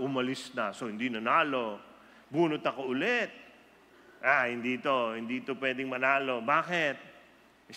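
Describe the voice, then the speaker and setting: Male preacher, bright, high-ish, animated storyteller, hall reverb. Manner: animated storyteller, jumps high for quoted voices. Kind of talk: sermon mixing Tagalog and English, with acted quotes.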